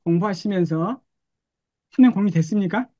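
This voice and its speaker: A man's voice: high-pitched, moderate pace, dark tone, dry recording. A man teaching an online class over a video call, chatty, often acting out the prompts he types to an AI. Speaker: professor giving an online lecture. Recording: dull, dry video call audio.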